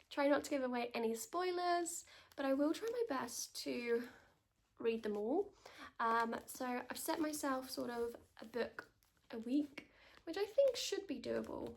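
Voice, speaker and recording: Soft whispering asmr lady reviewing books, kinda high voice, lots of vocal fry. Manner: soft-spoken, hushed, partly whispered. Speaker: book reviewer. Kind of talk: whispered ASMR book recommendations.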